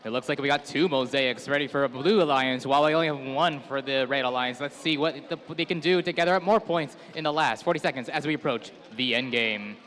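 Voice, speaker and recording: A quick-talking man with a bright, slightly high voice gives live competition commentary. He is one of two hype announcers handing calls back and forth.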